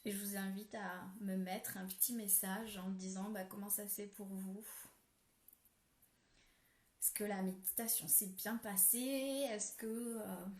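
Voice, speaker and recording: A woman speaks gently as she hosts a live-streamed spiritual ritual. She reads out viewer comments in a relaxed way, with frequent fillers. Her mid-pitched voice sits in a roomy, echoing space. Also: unhurried. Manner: soft, gentle guidance with many fillers. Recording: roomy echo.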